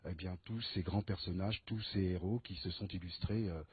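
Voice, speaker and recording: A man's voice: deep voice, fairly even intonation, normal speed, husky, dry recording. A man talking in a radio interview as an association guest, hesitant and full of fillers. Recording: dry narrow phone-like audio.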